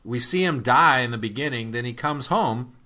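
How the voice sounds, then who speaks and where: Lively, bright-voiced man on a podcast. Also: medium pitch, moderate pace. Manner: animated, laughs often. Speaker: podcast co-host. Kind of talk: casual film review chat.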